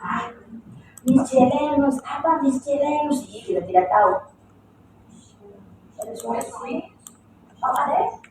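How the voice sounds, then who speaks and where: High-voiced woman teaching in an echoey classroom. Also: background noise. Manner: lively, repeats words with drawn-out stress. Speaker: English teacher. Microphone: distant room recording. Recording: echoey classroom recorded from far off.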